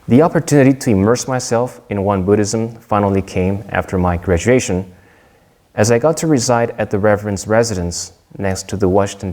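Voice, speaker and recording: The speaker, a young Korean man with a lowish, darkish voice, presents a prepared Dharma talk. His delivery is earnest and measured, though he restarts a few times.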